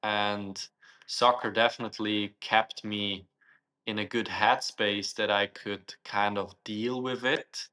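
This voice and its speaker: A man's voice: fairly low pitch, steady tone, slow, sharp tone. A young man from Switzerland, a guest answering interview questions thoughtfully and searching for his words.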